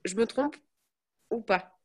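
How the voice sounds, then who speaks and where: A young woman chatting casually to her viewers, telling animated stories. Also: fairly high pitch, takes it slowly. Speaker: network marketing presenter. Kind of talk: casual live chat.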